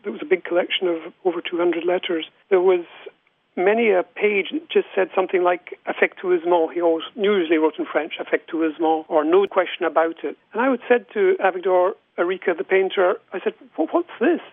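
A man, an academic editor, explaining in a radio interview in a measured way with frequent restarts and repeated words, heard over a tinny phone line. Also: sits high, no room sound.

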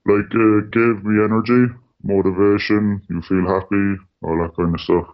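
Guy w/ voice disguise filter, super deep and flat, dull lo-fi sound. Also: moderate pace. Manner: plain, matter-of-fact, frequent "like" and "you know". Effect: voice disguised by a distortion filter, deep. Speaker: anonymous interview guest. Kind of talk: radio interview.

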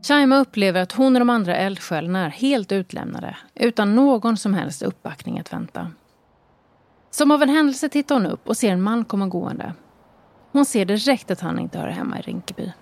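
A woman hosting a podcast, reading scripted narration in a measured, calm way and putting questions to her guest. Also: mid-range voice. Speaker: host and narrator.

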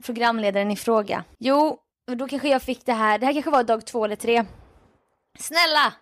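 A woman who hosts night radio, chatting on a podcast and telling lively stories about her listeners with frequent laughs. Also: a little high, dry recording, studio quality. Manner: animated storyteller, reads listener mails aloud, laughs often. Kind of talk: casual podcast chat. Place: home with building work going on.

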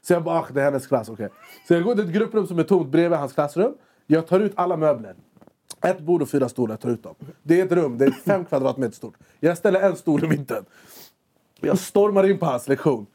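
A man's voice: on the high side, slightly rough. A young man co-hosting a casual chat, telling a story animatedly and acting out both sides of a conversation. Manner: animated, quotes himself and others in quick bursts. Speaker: podcast co-host.

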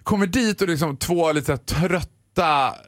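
A man's voice: on the high side, a bit bright, no room sound, studio quality. A man telling a story on a podcast in casual chat, acting out the voices of other people as he goes.

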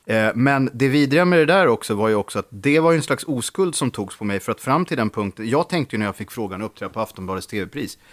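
Animated male comedian telling stories. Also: medium pitch, hardly any pauses. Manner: animated storytelling with frequent restarts. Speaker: comedian guest. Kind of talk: casual podcast conversation.

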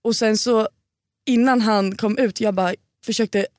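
A young woman in her twenties, a podcast guest, telling a story in animated casual chat and swearing freely. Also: on the high side, dry recording, clean studio sound.

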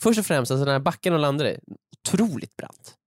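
A man's voice: a little high, expressive, dry recording, studio quality. A young man co-hosting a casual podcast, playful and joking, slipping into silly put-on voices. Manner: playful, acts out voices in jokes. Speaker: podcast co-host.

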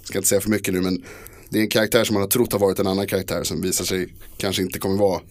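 A man's voice: deep voice, little pitch movement, no room sound. A man in casual podcast chat, talking hesitantly with many fillers and restarts. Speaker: podcast co-host.

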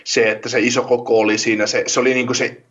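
A man's voice: mid-range voice, little pitch movement, fairly bright tone, highs cut off. A man talking hockey in a casual podcast chat, rambling with many restarts and fillers.

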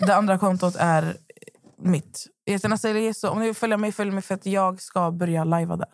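Young woman, podcast co-host, casual rambling chat, filler-heavy storytelling, mid pitch, dry close sound. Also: steady tone, no echo.

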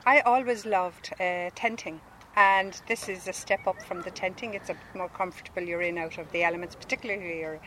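A woman's voice: on the low side, steady tone, fairly quick, a bit bright, low-quality recording. A woman chatting casually as she is interviewed on holiday. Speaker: camper van holidaymaker interviewed. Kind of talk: casual chat. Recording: faint outdoor background noise.

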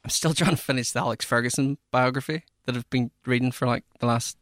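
A man's voice: medium pitch, steady tone, fast talker, fairly bright tone, no room sound, clean studio sound. A man co-hosting a podcast, easygoing and hesitant, with lots of ums. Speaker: podcast co-host. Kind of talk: casual chat.

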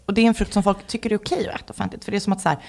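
A woman co-hosting a casual podcast, an animated storyteller who is quick to get exasperated and laughs often. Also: mid-range voice, gravelly. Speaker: podcast co-host.

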